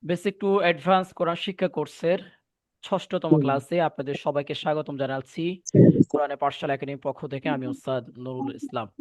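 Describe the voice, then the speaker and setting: A man's voice: a little high, steady tone, normal speed, a little mellow. A man from Bangladesh teaching an online Quran recitation class, patiently repeating letter drills and checking in with his students.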